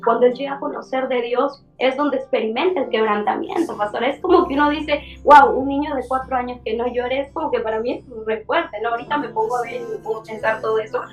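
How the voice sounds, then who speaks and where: Young woman giving a halting testimony. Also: on the high side, fairly even intonation, soft background music, low-quality recording. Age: 20s. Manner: halting, many fillers and restarts. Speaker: young church leader. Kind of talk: emotional personal testimony.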